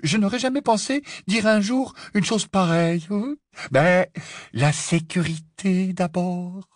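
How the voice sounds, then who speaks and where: A man's voice: high voice, slow, dry recording, clean studio sound, voice pushed up. Man doing a mock-serious young joker radio presenter. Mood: playful. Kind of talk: audiobook character voice.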